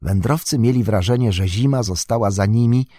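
A male audiobook narrator telling a fantasy story in an even, measured way. His voice is low and husky, recorded close to the mic in a dry room. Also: no room sound. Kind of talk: scripted narration of a fantasy novel.

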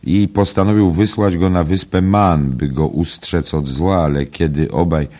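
A man voicing an eager, talkative gentleman who hurries to tell a story, in an audiobook reading. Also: deep voice, fairly even intonation, unhurried, voice pushed up.

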